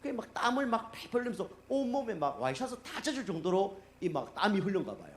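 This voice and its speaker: A middle-aged man preaching as a pastor in a church, telling stories in a casual, animated way and acting out the people he quotes. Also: high voice, quick pace, a little hiss or hum. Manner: animated, acts out quoted speech, many fillers. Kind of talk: conversational sermon storytelling. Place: church sanctuary.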